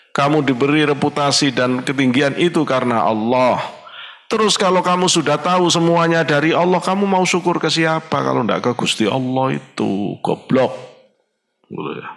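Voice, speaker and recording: Emphatic Javanese-accented preacher man. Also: a bit bright. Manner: emphatic, scolding and blunt, often jumping high in pitch; mixes in Arabic recitation with slow chanted delivery. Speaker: kyai, religious teacher. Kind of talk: Islamic study sermon.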